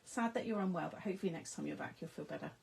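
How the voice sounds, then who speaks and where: A middle-aged woman from the UK chats very fast in a deep, expressive voice that is a little mellow, slightly rough and marked by vocal fry. With a British English accent, she keeps a casual conversation going while crafting on a livestream, reading viewers' comments aloud and laughing frequently.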